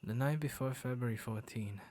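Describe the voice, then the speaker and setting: In this ASMR boyfriend roleplay, a man voices a lonely, gentle young werewolf turned tender suitor, speaking in a mid-range, lightly acted voice. The scripted monologue feels soft and confiding, breathy and hesitant, often sinking into whispers.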